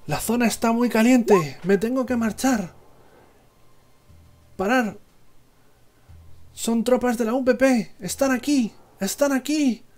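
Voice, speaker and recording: A man voicing a panicked military pilot shouting an urgent radio call in a tabletop game. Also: very high voice, slow pace, pauses often, voice pushed up.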